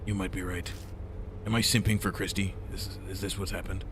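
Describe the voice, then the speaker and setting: A man's voice: deep voice, level tone, fairly quick, background noise. A man hosting a gaming video, reading visual novel narration aloud with casual asides.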